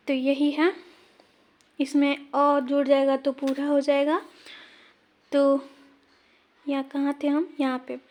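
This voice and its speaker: Woman teacher, exam-prep grammar lesson; slow, deliberate, points at examples as she goes. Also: high-pitched, darkish tone.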